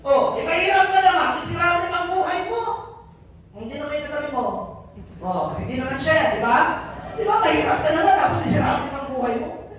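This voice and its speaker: High-voiced joking man in echoey hall. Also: expressive, a little fast, fairly bright tone, distant mic. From Albay, Philippines. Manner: joking, teasing, keeps quizzing the crowd. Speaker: business mentor and motivational speaker. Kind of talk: motivational speech to a live audience. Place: event venue hall, indoors. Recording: very echoey event hall, picked up from afar.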